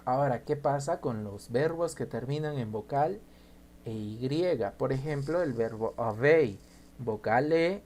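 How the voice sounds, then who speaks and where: A man teaching an English grammar lesson, slowly spelling out and repeating each example. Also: medium pitch, a little mellow, a little hiss or hum.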